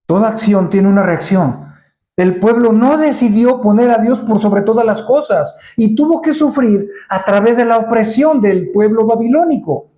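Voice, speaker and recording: A man's voice: high voice, moderate pace, mellow, roomy sound. A man preaching a sermon in a church, asking the congregation rhetorical questions and acting out Bible scenes.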